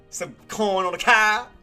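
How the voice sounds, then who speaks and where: A man's voice: high-pitched, sharp tone, clean tone. A man hosting a live stock trading stream, giving casual market commentary, laughing often and talking to viewers by name. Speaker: stock trading livestream host.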